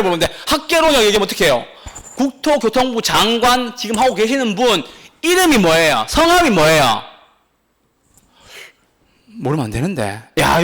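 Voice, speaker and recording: Man, exam-prep lecturer, animated teasing delivery, fairly high voice, swinging pitch, questions to the class. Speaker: real estate exam lecturer.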